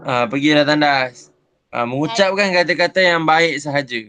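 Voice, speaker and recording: A man's voice: fairly high pitch, moderate pace, sharp tone. A young adult man with a Malaysian Malay accent, teaching young pupils a religion lesson in an online class in a chatty, teasing way, often checking with "kan?". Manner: acts out silly examples with a chuckle.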